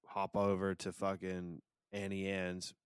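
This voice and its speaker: A man's voice: low voice, monotone, a little slow, clear, resonant tone, no echo, studio quality. A young man in a casual, slangy chat with friends, dropping swear words. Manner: slangy, profane.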